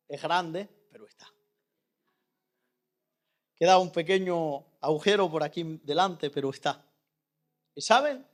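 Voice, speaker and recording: A man gives a testimony sermon, his voice sitting unusually high and sounding bright and forceful. He tells his story and rises into loud, impassioned pleading. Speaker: preacher.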